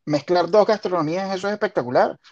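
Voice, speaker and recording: A talkative man from Venezuela hosts a relaxed interview, his voice sitting a little high for a man. He often circles back and repeats words before finishing a thought. The sound is somewhat muffled and lo-fi. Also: quick pace. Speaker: podcast host. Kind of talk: casual interview.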